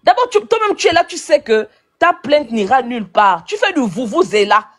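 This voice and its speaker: High-pitched woman ranting and insulting. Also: sing-song, moderate pace, a bit bright. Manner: insulting, combative, repetitive name-calling. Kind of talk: angry live-video rant.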